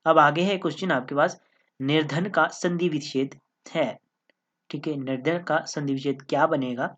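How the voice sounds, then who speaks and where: A woman's voice: sits low, fairly even intonation, normal speed, highs cut off. A woman teaching an exam-prep grammar lesson, explaining step by step and often checking in with her listeners. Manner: explanatory, repeats "ठीक है" and "दोस्तों".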